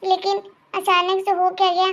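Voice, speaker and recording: A woman's voice: very high-pitched, completely flat delivery, moderate pace. A woman voicing a timid cartoon daughter-in-law. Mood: anxious. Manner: nervous, anxious. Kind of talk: cartoon voice acting.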